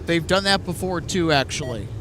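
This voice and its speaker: A man's voice: a little high, lively intonation, normal speed. A man hosting a live stream outdoors, giving casual commentary on aircraft movements. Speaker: livestream host and plane spotter. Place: outdoors near an airport. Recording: outdoor airfield with faint vehicle noise.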